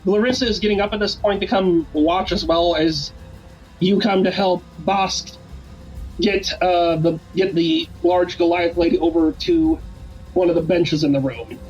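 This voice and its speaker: A game master narrates a tabletop game in a loose, rambling way and often restarts sentences. The recording sounds slightly muffled. Quiet music sits underneath. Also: medium pitch, steady tone, a little slow. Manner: rambling, self-correcting, laughing.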